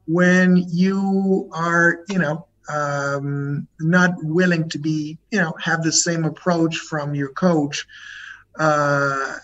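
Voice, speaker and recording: Male translation voice-over, slightly high and dull-sounding. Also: steady tone, a bit bright. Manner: measured, searching for words as he translates. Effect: translation voice-over of an interview. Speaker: interpreter relaying a guest's answers. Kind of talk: interpreting, retelling the guest's answers in the third person.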